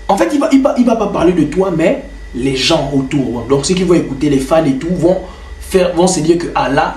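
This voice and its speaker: A man's voice: sits high, a little mellow, a little hiss or hum. A young man explaining in a casual, loose way how he builds a rap track, with lots of fillers. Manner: loose and chatty, many fillers like "genre". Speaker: home music producer and rapper. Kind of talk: casual tutorial talk to camera. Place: his bedroom. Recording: roomy bedroom echo.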